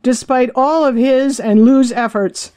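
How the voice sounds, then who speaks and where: A woman reading her own biography aloud as audiobook narration, measured and even. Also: high-pitched.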